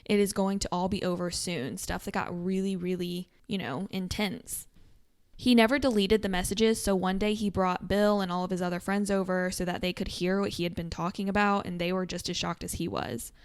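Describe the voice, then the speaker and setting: Clear-voiced woman retelling a creepy story. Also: steady tone, normal speed. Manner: retells stories with frequent fillers, drops to a low murmur for asides. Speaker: podcast co-host. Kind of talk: casual true-crime storytelling.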